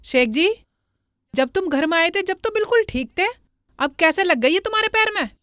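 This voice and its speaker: A woman's voice: very high voice, animated, normal speed, fairly bright tone, no echo, studio quality. A woman playing an exasperated young wife in a comedy film, scolding and impatient.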